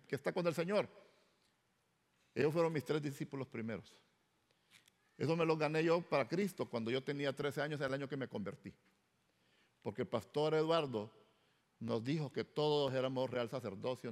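A middle-aged male pastor, telling his conversion story in a sermon and acting out the dialogue. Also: mid-range voice. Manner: storytelling, animated, acts out quoted dialogue. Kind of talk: sermon testimony. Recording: long hall reverb.

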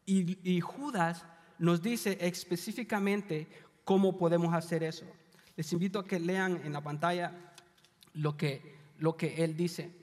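Male pastor from El Salvador, high register; chatty, confiding sermon delivery; long hall reverb. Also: steady tone, unhurried, darkish tone. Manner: conversational, confiding, with light humor. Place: church hall.

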